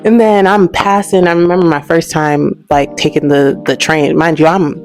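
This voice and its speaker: Chatty low-voiced woman telling a story. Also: moderate pace, soft background music. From United States, raised in Alabama. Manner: animated, chatty, laughs between lines, big pitch jumps. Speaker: host. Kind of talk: casual direct-to-camera storytelling.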